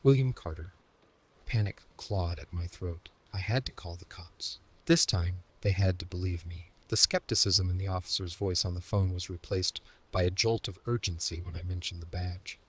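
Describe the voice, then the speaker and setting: Low husky man narrating horror. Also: fairly even intonation. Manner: slow, hushed and dramatic, sometimes dropping to a whisper. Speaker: storyteller.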